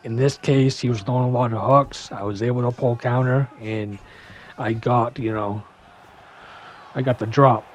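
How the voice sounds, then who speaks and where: A man's voice: medium pitch, fairly even intonation. Young guy talking over gameplay footage, loose and chatty, lots of fillers, mid voice, light noise. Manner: casual, filler-heavy, talks fast to keep up. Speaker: gaming YouTuber. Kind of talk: gameplay breakdown commentary.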